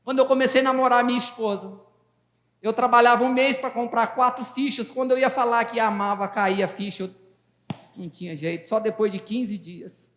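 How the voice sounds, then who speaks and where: A man's voice: very high voice, steady tone, a little fast, fairly bright tone. A man in his fifties from Brazil, a pastor preaching a fervent, folksy sermon and joking with his congregation. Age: 50s. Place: church hall. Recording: echoey church hall with long reverb.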